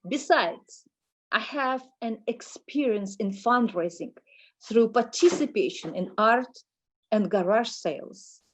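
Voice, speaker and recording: Slow Russian-accented woman. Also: a little high, lively intonation, slight background noise, poor audio. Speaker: board nominee. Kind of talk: prepared candidate statement.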